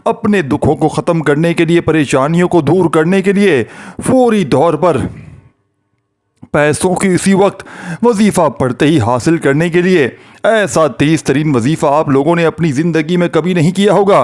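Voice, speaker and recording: A man preaching in a fervent, pleading way, over and over calling out to his friends and listeners. His voice sits a little high for a man. He moves into an earnest prayer voice when he leads the blessing. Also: a little mellow. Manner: pleading, repetitive addresses to friends. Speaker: religious preacher. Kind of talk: devotional talk to viewers.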